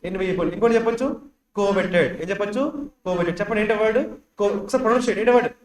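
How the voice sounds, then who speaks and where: Quick high-voiced man drilling vocabulary. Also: echoey room. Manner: drills words with constant questions to students. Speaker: teacher. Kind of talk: classroom vocabulary lesson.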